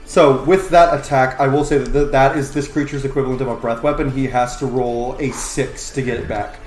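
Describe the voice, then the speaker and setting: A man's voice: mid-range voice, fairly even intonation, a little fast, a little mellow. A man narrating a tabletop role-playing game as the game master. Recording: roomy echo, faint music underneath. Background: faint background music.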